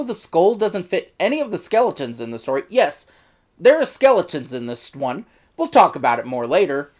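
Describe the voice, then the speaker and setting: A woman with a notably low voice delivers a scripted review of an audio drama. Her pitch moves around a lot, giving the talk an animated, chatty feel. She often catches and corrects herself mid-thought.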